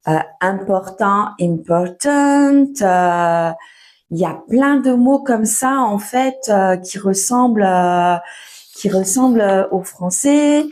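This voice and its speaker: Slow, patient young woman teaching French. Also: mid-range voice, animated, darkish tone. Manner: slow, patient, full of fillers and restarts, laughs often. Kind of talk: casual spoken lesson for learners.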